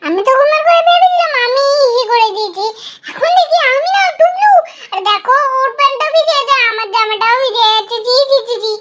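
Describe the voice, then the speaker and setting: A woman voicing a bossy little girl in a doll cartoon, scolding and giggling in shrill bursts. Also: animated, brisk, a bit bright. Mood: mocking.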